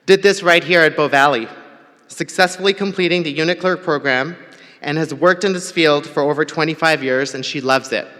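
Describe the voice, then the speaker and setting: A man's voice: fairly high pitch, bright, forceful tone. A man born in Tanzania giving a candid, personal convocation speech with light humor. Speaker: convocation speaker. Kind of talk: prepared ceremony speech. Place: large hall. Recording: long hall reverb.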